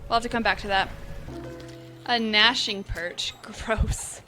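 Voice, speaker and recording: A woman's voice: medium pitch, fairly even intonation, sharp tone, soft background music. A woman giving playful, chatty gameplay commentary and reading game text aloud. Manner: chatty, playful, quick asides. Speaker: gaming video creator.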